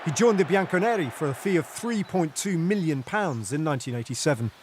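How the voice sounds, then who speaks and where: A man narrating a sports documentary in a measured, formal scripted read. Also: a little high, expressive, slight background noise.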